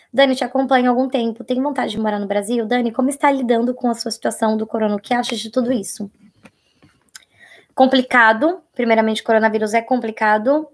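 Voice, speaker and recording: A young Brazilian woman with a husky, fairly high voice and a Brazilian Portuguese accent hosts a casual live-stream Q&A. She chats freely and reads viewer questions and comments aloud, sometimes lowering to a hush when topics turn private.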